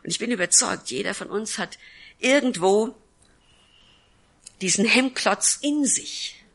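A woman's voice: medium pitch, lively intonation, unhurried, fairly bright tone. A woman pastor giving an earnest sermon testimony, telling her story and acting out the lines of the people in it. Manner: earnest storytelling with acted-out quotes.

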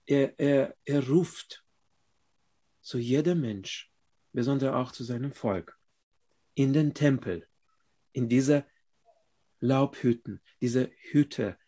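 Slow, halting male preacher. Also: medium pitch, husky. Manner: slow, halting delivery with pauses, rising loud when reading scripture aloud. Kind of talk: sermon.

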